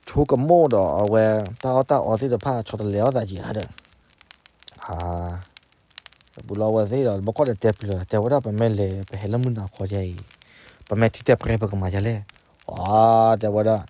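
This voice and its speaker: A man telling a folk story in an unhurried, conversational way. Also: fairly low pitch, mellow.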